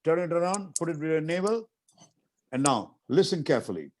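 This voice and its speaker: A middle-aged man from India leads a guest through mind exercises over a call. His voice sits fairly high and swings widely, and he gives firm, repeated commands with a coaxing push. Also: very animated, brisk, a little mellow. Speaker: martial arts master guiding an interview demonstration. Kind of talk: instructing over a video call.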